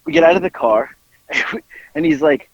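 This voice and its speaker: Guy telling a wild story, highish voice jumping all over, dull dry lo-fi sound. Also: animated, measured pace, no echo. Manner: acts out quoted voices with big jumps up into yelps. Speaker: podcast host telling stories. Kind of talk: animated storytelling.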